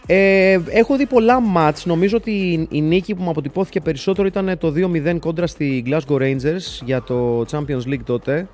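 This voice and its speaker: A man telling stories as an interview guest, rambling and correcting himself, and growing loud and animated when excited. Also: fairly high pitch, few pauses, faint music behind. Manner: rambling, with frequent self-corrections and restarts. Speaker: interview guest, football fan. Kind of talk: casual anecdotal storytelling. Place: seated in an armchair in a studio.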